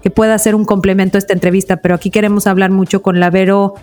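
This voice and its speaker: A woman co-hosting a podcast who asks gentle, reflective, open questions in an interview chat. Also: mid-range voice, little pitch movement, fast, faint music behind. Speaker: podcast co-host.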